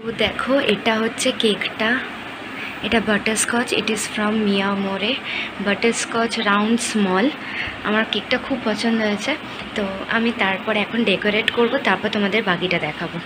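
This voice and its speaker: Hushed young woman vlogging at home. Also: medium pitch, steady tone, slow pace. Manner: hushed, mixing English into Bengali. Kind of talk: casual vlog chat. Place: home at night. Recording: echoey room with background noise.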